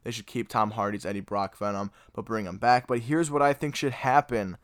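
A young man hosting a podcast, reviewing a movie in casual chat, excitable and gushing, with lots of filler words. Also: fairly low pitch, brisk, smooth, no room sound, clean studio sound. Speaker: podcast host.

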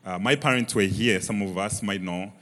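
A young man from Malawi, appearing as a church member guest, earnestly shares his story in an onstage interview, his Malawian accent clear. His lowish voice is fairly bright at a normal speed, and the big church hall adds reverb.

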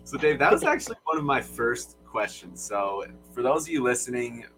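A man's voice: mid-range voice, animated, normal speed, a bit bright, soft background music, low-quality recording. A young man from Michigan co-hosting a casual sports podcast, with an upbeat, hype-man delivery. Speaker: podcast co-host.

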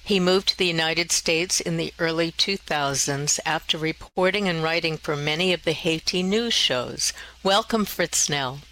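A woman co-hosting a podcast, smoothly reading introductions. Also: sits low, normal speed, few pauses, fairly bright tone, low-quality recording. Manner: smooth, read-aloud delivery. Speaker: podcast co-host.

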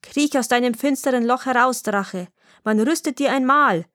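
A woman's voice: fairly high pitch, moderate pace, no echo, studio quality, close to an everyday voice. A woman reading a storybook, voicing a brave young male knight who speaks with courtly boldness. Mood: heroic.

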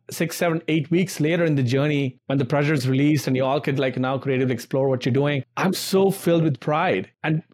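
A man's voice: medium pitch, darkish tone. A man hosting a podcast, talking in an effusive, earnest way with lots of casual fillers over a video call. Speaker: podcast host.

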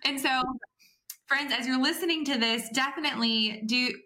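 A woman's voice: high voice, normal speed, sharp tone. A woman hosting a faith podcast, responding to her guest in an affirming, conversational way and speaking directly to her listeners. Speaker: podcast host.

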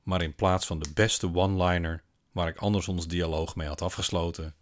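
A man narrating a first-person story in a dry, deadpan way. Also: deep voice, moderate pace.

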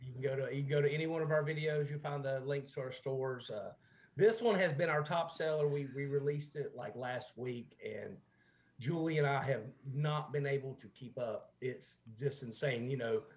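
A man's voice: mid-range voice, normal speed. A man from North Carolina with a Southern accent, a musician guest chatting casually over a video call, rambling with lots of fillers. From North Carolina, USA. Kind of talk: casual chat.

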